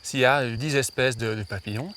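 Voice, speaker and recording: A man's voice: mid-range voice, fairly quick, fairly bright tone. A man giving casual, conversational explanations as an expert in an outdoor interview, often repeating words as he goes. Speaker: butterfly expert guest. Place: outdoors in a meadow. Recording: faint outdoor noise, chirping insects. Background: faint insects and ambience.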